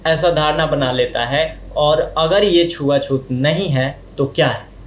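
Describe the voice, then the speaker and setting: A man's voice: a little high, a little slow. A man hosting an interview who often affirms his guest with short acknowledgements. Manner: affirming, frequent "बिल्कुल" and "okay" acknowledgements. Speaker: host and interviewer. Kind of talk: conversational interview. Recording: echoey room with faint noise.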